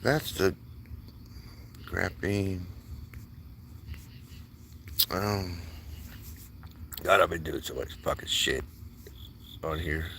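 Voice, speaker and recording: A man's voice: sits low, takes it slowly, long pauses, sharp tone, a little hiss or hum. A man live streaming from his phone outdoors at night, chatting to viewers in a rambling way and laughing often.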